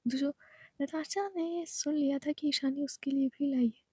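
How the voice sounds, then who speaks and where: A woman narrating a romance story in a soft, hushed way, recorded close to the mic. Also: sits high, fairly even intonation, moderate pace, no echo.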